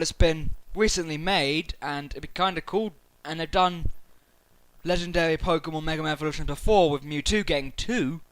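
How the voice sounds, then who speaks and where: A man talking excitedly to camera about a video game, rambling through his theories with many fillers and restarts. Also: fairly high pitch, clear, resonant tone, no room sound, rough recording. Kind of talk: casual speculative chat to camera.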